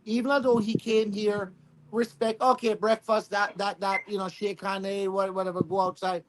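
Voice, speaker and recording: A man's voice: high voice, flat delivery, normal speed, slight background noise, rough recording. A man with a Jamaican accent and Patois turns of phrase, telling stories casually as an interview guest, emphatic and often repeating himself.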